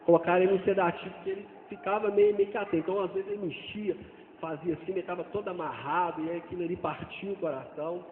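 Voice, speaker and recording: A man's voice: high voice, fairly even intonation, slight background noise. Earnest man testifying in an echoey hall. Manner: earnest, halting, repeats himself. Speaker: father giving a church testimony. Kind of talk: personal testimony. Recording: tinny, echoey hall sound.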